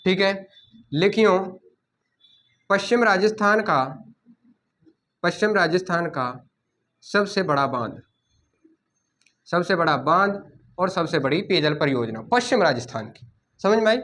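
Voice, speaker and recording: A man teaching a coaching class, dictating notes and repeating key words slowly so students can write them down. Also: high voice, expressive, fairly bright tone.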